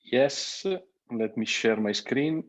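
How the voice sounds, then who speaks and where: A man who is a professor, speaking haltingly on a video call as he searches for words. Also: mid-range voice. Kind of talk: academic talk on a video call.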